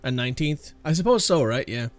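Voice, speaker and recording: A man's voice: medium pitch, expressive, brisk, dry recording, faint music behind. A man casually commentating while playing a video game, sarcastic and swearing freely. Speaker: gaming channel host. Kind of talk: let's play commentary.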